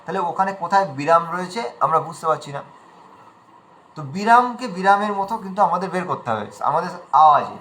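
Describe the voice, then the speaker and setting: A man teaching an online class on reciting Sanskrit verse, explaining slowly in a conversational way and chanting lines drawn out between his explanations. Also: sits high, animated, a bit bright, a little hiss or hum, rough recording.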